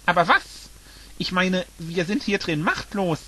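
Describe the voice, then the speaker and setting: A man's voice: sits high, lively intonation, measured pace, pushed and bright, slightly rough, voice pushed up, full character voice. A man reading the lines of a worried, helpless male dinosaur in a fan-made audiobook, fretting and reasoning aloud.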